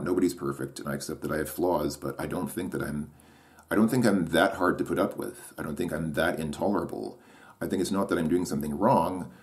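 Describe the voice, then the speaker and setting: A man with a deep voice talks to himself, thinking aloud in a monologue. He falters, restarts his sentences, and questions what he's saying.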